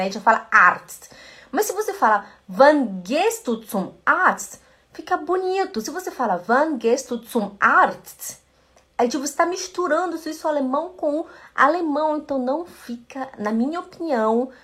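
A woman teaching a live-streamed German lesson from home, chatty, greeting viewers by name and slowly repeating words. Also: high voice, fairly bright tone. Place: at home in front of a computer. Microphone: computer camera mic.

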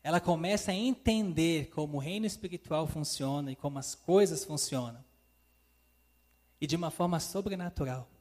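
Preaching at a moderate pace in a slightly high, darkish voice, a male evangelist greets his listeners as "queridos." He acts out what God says in quotation, his sermon wrapped in long hall reverb.

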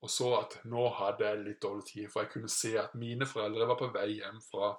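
A man's voice: lowish voice, flat delivery. A man telling a playful made-up story, rambling and correcting himself. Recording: roomy echo.

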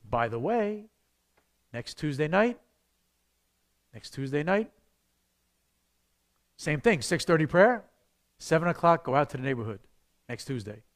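A pastor leads a church class on sharing faith. His voice sits a little high for a man, and he talks in a loose, conversational way with sudden loud, animated bursts. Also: moderate pace, pauses often.

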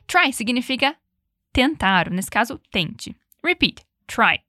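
Bright-voiced woman teaching English. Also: fairly high pitch, very animated, no room sound, clean studio sound. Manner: speaks English examples slowly and clearly. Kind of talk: language lesson with repetition drills.

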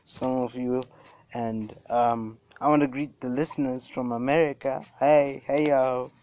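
A man's voice: mid-range voice, steady tone, normal speed, darkish tone. A young man with a Namibian accent chatting casually and earnestly as a podcast host, repeating phrases for emphasis, recorded on a cell phone. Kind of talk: casual religious podcast chat.

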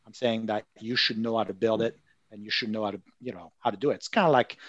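A man's voice: fairly low pitch, steady tone, fast, fairly bright tone, dry recording, highs cut off. Man explaining with many fillers. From France. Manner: hesitant, many "you know" fillers, explains patiently. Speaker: guest speaker. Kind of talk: casual tech interview chat.

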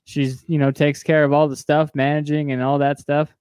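A man's voice: on the high side, level tone, moderate pace, darkish tone, clear, resonant tone, no room sound, clean studio sound. A man hosting a podcast, talking in a casual, conversational style. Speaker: podcast host. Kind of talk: casual chat.

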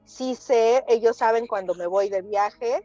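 Woman, talk show guest, animated storyteller, fairly high voice, dry muffled sound. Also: unhurried, dry recording, faint music behind. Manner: animated storyteller, acts out quotes. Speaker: guest therapist. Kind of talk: casual talk show chat.

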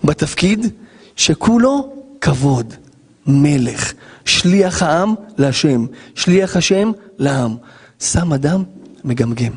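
A man, a rabbi, giving an animated Torah lesson, acting out scenes and firing rhetorical questions at listeners. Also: on the high side, slightly rough, long reverb tail.

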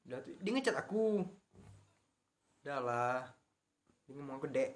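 Young man, podcast guest, casual storytelling, quotes people with energy, average pitch. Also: unhurried. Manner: animated storyteller acting out chats he quotes.

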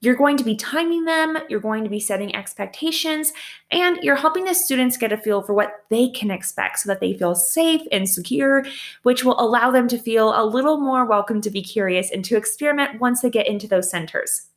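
A woman's voice: fairly high pitch, animated, a little fast. A young adult woman teacher explaining how she sets up classroom routines, in a casual, practical way, laughing lightly at her own slips. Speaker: teacher sharing classroom tips. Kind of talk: casual instructional talk.

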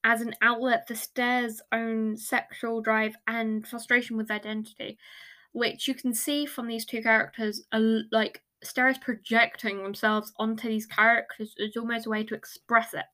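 A woman's voice: fairly high pitch, little pitch movement, moderate pace, sharp tone. A woman hosting a casual true-crime podcast. She rambles loosely, corrects herself often and swears freely. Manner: loose and rambling, swears freely, laughs at her own reactions. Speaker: podcast host.

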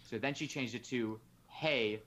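This podcast co-host has a mid-range voice and keeps a measured pace. Chatting casually, he tells a work story with plenty of swearing, animatedly acting out the quotes as he goes.

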